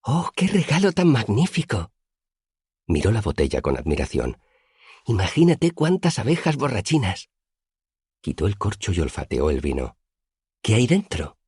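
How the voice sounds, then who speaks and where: A man voicing a tiny, whimsical young woman with a lilting, playful manner in an audiobook, with a husky voice. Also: low-pitched, wildly swooping pitch, moderate pace, long pauses, a little mellow, no room sound, clean studio sound, pitched above the performer's own voice, exaggerated voice. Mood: delighted.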